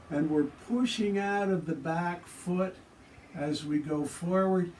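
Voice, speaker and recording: A man giving guided tai chi and qigong movement instruction with calm, soothing, relaxed cues. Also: a little high. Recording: distant microphone.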